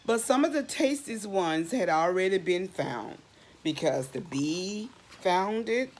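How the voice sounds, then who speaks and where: Reading to young children slowly, a middle-aged woman uses a lowish, slightly mellow, expressive voice. As a storybook reader and teacher, she puts questions to her listeners, answers them, and emphasizes words by drawing them out and saying them again.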